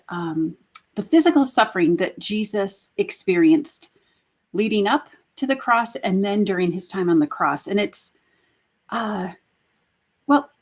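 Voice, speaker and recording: Gentle woman hosting a devotional. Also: mid-range voice. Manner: gentle and unhurried, with frequent soft fillers. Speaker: devotional host. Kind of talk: daily devotional talk and scripture reading.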